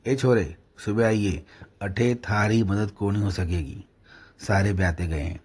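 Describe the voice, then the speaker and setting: A man voicing a kindly, frail old village shopkeeper, speaking gently. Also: fairly low pitch, measured pace, slightly rough. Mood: weary. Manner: gentle, scolding to the dog.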